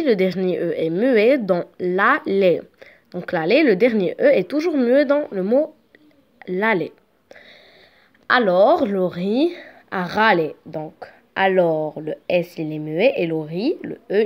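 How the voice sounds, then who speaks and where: Woman teacher, beginner reading lesson, very slow and deliberate, syllable by syllable. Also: medium pitch, animated, highs cut off. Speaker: French teacher.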